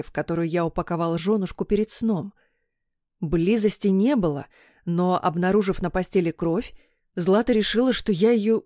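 A woman reading a romance audiobook in measured first-person narration. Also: medium pitch, a little mellow, no echo, studio quality.

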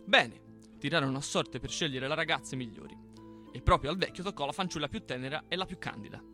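Man, radio host, folk tale reading, expressive, bright voice, faint music. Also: on the high side, fairly quick. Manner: animated, expressive storyteller. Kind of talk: reading a folk tale aloud, then chatting. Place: radio studio.

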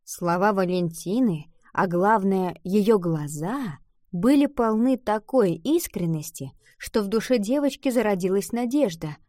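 A woman narrating a children's fantasy audiobook in a calm, even storytelling voice. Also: medium pitch, unhurried, no room sound, studio quality.

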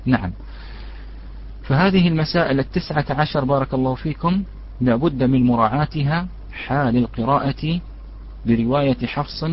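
A man's voice: mid-range voice, breathy edge. A man teaching a religious lesson on recitation rules, addressing his listeners as brothers and asking them questions before answering. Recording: dull lo-fi recording.

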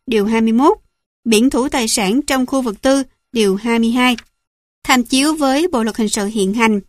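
A woman's voice: a little high, no echo. Woman reading a legal audiobook, dry sound. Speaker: audiobook reader. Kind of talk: scripted narration of a legal text.

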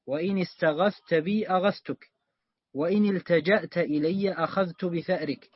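A man reading a classical text aloud in a lesson, in a measured, formal recitation. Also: high-pitched, slightly rough, no echo. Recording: dry, dull lo-fi recording.

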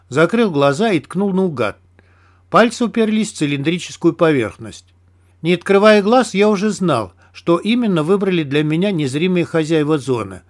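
A man reads a first-person audiobook in a steady, even storytelling manner. His voice sits fairly high for a man. This is scripted narration read at an unhurried pace.

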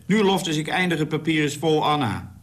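A man's voice: a little high, animated, a little fast, fairly bright tone. A man voicing a soldier in glasses who reads a comrade's letter aloud. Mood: matter-of-fact. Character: bespectacled male soldier reading a letter aloud.

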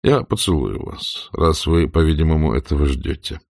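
A man reading an audiobook and voicing a cynical, self-assured man who teases in a slow, ironic drawl. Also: rumbling low, creaky, no echo, studio quality, full character voice. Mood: mocking. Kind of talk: audiobook character voice.

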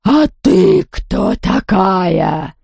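A woman voicing a huge, cruel female ghost baroness who hisses her words slowly and menacingly. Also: medium pitch, very animated, creaky, darkish tone, husky, no echo, studio quality, exaggerated voice. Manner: hissing, slow and drawn out.

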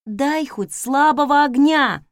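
A woman's voice: high voice, slow pace, dry recording, clean studio sound, pitched above the performer's own voice. A woman voicing a bold young wizard's wife who speaks in a commanding, playful way.

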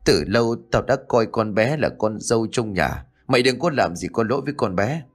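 A man's voice: mid-range voice, lively intonation, fairly quick, lightly acted. A man voicing an anguished old village mother who scolds her son in a choked, tearful voice. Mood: scolding.

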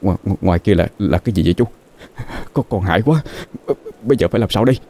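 A man's voice: low voice, animated, fast, warm tone. A man voicing a frightened young driver's helper who stammers breathlessly and sounds close to tears. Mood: panicked.

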